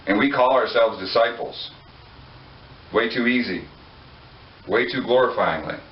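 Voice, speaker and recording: At a measured pace and medium pitch, a man delivers a sermon to a congregation, talking conversationally with jokes and questions for the listeners. There's a little hiss or hum. The sound is echoey, distant from the mic, and dull lo-fi.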